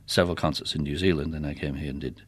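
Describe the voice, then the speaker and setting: Racing along in a very deep, husky voice with fairly even intonation, a middle-aged theatre organist reminisces conversationally as an interview guest about his musical career. The recording is dry.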